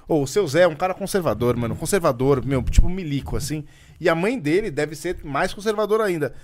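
A Brazilian man hosting a podcast, joking loudly and rowdily with friends in casual banter. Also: a little high, lively intonation, fairly quick, a little hiss or hum. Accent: Brazilian Portuguese. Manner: rowdy, joking, lots of slang fillers.

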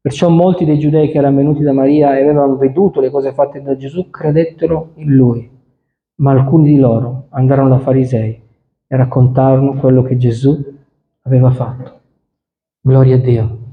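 A man preaching a sermon, first reading scripture slowly and solemnly, then preaching with rising emphasis. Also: mid-range voice, fairly even intonation, phone-quality sound, a little hiss or hum. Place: church hall. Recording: echoey church hall.

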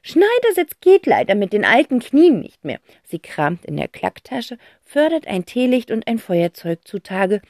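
A woman narrating a children's audiobook in a lively, expressive way. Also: medium pitch, no echo, clean studio sound. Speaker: audiobook reader.

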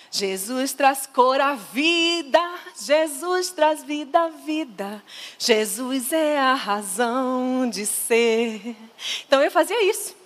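A woman preaching to women in a lively, emphatic way, often asking the audience questions. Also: high voice, big-room sound. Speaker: speaker at a women's faith conference.

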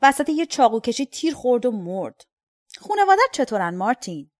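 A woman's voice: fairly high pitch, very animated, no echo, studio quality, voice pushed up. A woman voicing an earnest, devout man who pleads and speaks righteously while seeking forgiveness.

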